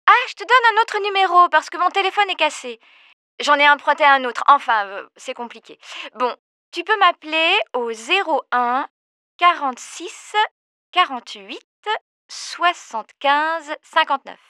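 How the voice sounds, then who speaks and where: A young woman leaves a casual voicemail for a friend, talking in a chatty way and pausing now and then on fillers. Her voice sits high and sounds bright and clear. It is recorded close and dry, with no room around it. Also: expressive, dry recording. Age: 20s. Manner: chatty and informal, with hesitant fillers. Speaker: caller leaving a voicemail. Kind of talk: scripted voicemail role-play for a language lesson.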